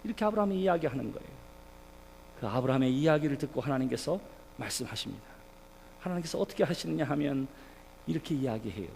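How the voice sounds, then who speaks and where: A man's voice: medium pitch, creaky, a little mellow, slight background noise. A male pastor preaching a sermon in a church, speaking to the congregation and asking them rhetorical questions. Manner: asks the congregation rhetorical questions and quotes scripture. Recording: reverberant church hall.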